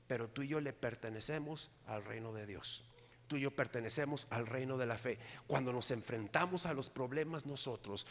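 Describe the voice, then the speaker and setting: A middle-aged man, preaching a sermon with animated delivery and often asking the congregation for agreement. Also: a little high. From Mexico. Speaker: pastor. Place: church hall. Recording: long hall reverb.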